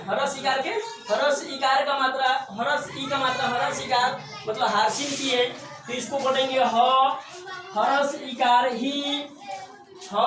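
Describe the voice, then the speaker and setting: Male teacher, high voice, echoey room from far off, drills by asking and answering. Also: fairly bright tone, slight background noise. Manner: repetitive, drills with quick self-answered questions. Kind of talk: classroom lesson at a board.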